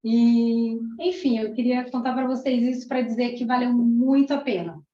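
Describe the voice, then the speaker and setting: Woman, raised pitch, chatty and emotional, echoey dull recording. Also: moderate pace. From Argentina. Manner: warm, emotional, chatty, many "né"s. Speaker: parapsychologist and teacher. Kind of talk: testimonial talk to a class. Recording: roomy, dull lo-fi room sound.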